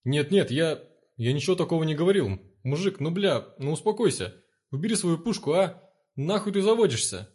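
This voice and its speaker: A man's voice: on the high side, expressive, moderate pace, a little mellow. A man voicing a jumpy young male station guard who pleads and whines in a panic. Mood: panicky.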